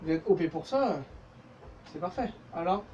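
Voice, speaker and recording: A man's voice: high voice, lively intonation, moderate pace, dull audio, heavy background noise. A man with a French accent giving a casual, jokey language lesson, full of fillers and self-corrections. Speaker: German teacher.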